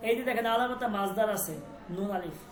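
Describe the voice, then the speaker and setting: A woman teaching a language class, patiently repeating words slowly for her students. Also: medium pitch. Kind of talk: online class lesson. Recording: echoey room with background noise.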